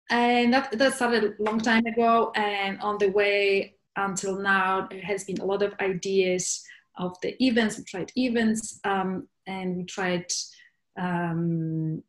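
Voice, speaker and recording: A Polish woman is a guest in a casual interview, searching for words with frequent fillers and restarts. Her middle-pitched voice rings out in a noticeably echoey room.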